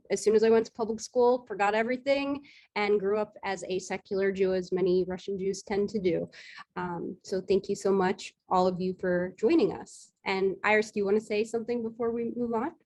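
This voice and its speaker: A woman from New York hosting a panel in a brisk, chatty way. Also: mid-range voice, a little mellow. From Queens, New York. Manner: brisk, chatty, thanks each speaker. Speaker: host.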